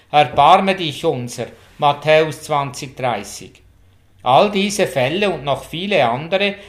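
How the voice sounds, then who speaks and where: A man preaching a sermon, reading scripture quotes in a measured, solemn way. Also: a little high, fairly bright tone. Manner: measured, solemn, reads Bible quotes with rising fervor.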